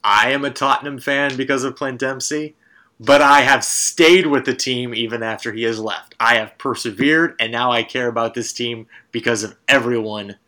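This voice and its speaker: A man with a bright, forward voice hosts a casual sports podcast. He rambles enthusiastically, circling back on his words and laughing easily. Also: medium pitch, fairly even intonation, normal speed. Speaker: podcast host.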